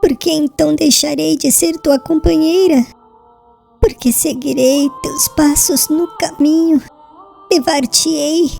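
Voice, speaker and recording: In a solemn audiobook drama, a woman plays a serene young woman on her deathbed, her high, soft-edged voice carrying only a little creak. She speaks very slowly, haltingly and breathlessly, tender and devout, as if using her last breath. The performance is heavily acted, with faint music underneath.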